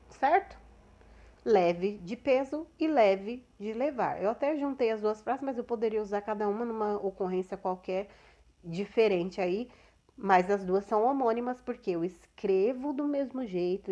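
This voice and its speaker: A woman with a Brazilian Portuguese accent, teaching a grammar lesson. She explains patiently, keeps checking in with her listeners and slows down on each example word. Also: mid-range voice, darkish tone. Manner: checks in often with "certo?", slows down on example words.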